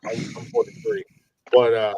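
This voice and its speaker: A man's voice: mid-range voice, wildly swooping pitch, moderate pace, darkish tone, no room sound, highs cut off. A man in his forties hosting a casual live-stream podcast, rambling, repeating himself and swearing freely. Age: 40s. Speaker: podcast host.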